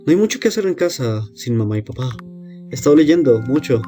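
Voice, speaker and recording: A man reads out a lonely young girl who must feed the monsters below her house. The delivery is hesitant and quiet, in a mellow, mid-range voice over faint music. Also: mid-range voice, sing-song, fairly quick, close to an everyday voice. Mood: weary, brooding. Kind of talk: game dialogue read aloud.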